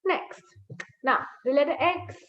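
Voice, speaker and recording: A woman with a high voice teaches beginners over a webinar, explaining step by step and stretching out sample sounds. The sound is dull, and her voice echoes around the room. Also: a little slow. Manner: explains step by step, stretching and singing out demonstration syllables. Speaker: language teacher. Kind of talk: online class lesson. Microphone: computer mic on a video call.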